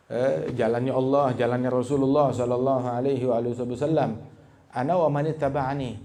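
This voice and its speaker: Emphatic Indonesian preacher, gravelly voice. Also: male voice, dark tone. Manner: emphatic, rhetorical preaching with sudden high stresses. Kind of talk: sermon. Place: religious gathering hall.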